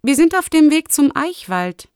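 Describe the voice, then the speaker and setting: A woman's voice: big pitch swings, moderate pace, a little mellow, dry recording, clean studio sound. Woman doing a snippy young fox girl. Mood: brisk. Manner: high, pointed, snippy. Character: young fox girl, sharp-tongued and smug.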